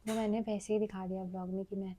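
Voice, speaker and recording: A woman's voice: mid-range voice, flat delivery, fast talker, warm tone. Chatty young female vlogger talking to viewers, phone mic, noisy street. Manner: chatty, bubbly, addresses viewers directly. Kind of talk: casual vlog chat. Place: city streets, shops and home. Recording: noisy street and shop sound.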